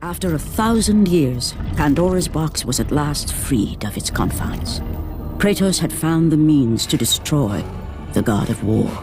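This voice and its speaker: A woman giving dramatic scripted narration of a mythic tragedy in a video game, grave, measured and portentous. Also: sits low, animated. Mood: solemn. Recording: loud music behind. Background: music.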